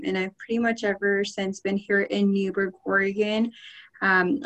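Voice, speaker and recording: Earnest young woman from Mexico. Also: medium pitch. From Michoacan, Mexico. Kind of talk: personal introduction.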